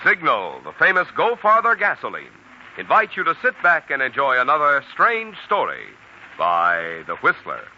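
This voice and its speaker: A man's voice: on the high side, wildly swooping pitch, moderate pace, sharp tone, lo-fi sound. A man announcing for a radio sponsor in a polished, emphatic 1940s style. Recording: old radio recording, faint noise.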